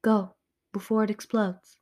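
A woman reading aloud, giving voice to a soft-spoken android girl in a storybook. She talks with a light accent, calm and matter-of-fact even in danger. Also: medium pitch, measured pace, natural voice.

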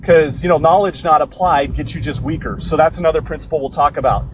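A man's voice: fairly high pitch, fast talker, background noise. A man, a bit out of breath, giving an informal livestream lesson as a course instructor, explaining casually and correcting himself as he goes.

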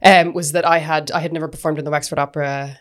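A young woman with a west of Ireland accent speaks in a low-pitched voice. She is an interview guest telling her story in a casual, chatty way, slipping into little quoted asides. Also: fairly even intonation, quick pace. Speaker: interview guest, dancer and performer.

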